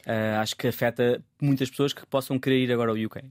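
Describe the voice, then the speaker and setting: A man speaks as a guest in a casual interview, at a middle pitch. He talks in a thoughtful way, often breaking off and repeating words as he searches for them. The sound is dry and close to the microphone. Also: steady tone, fast, dry recording. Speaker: photographer guest.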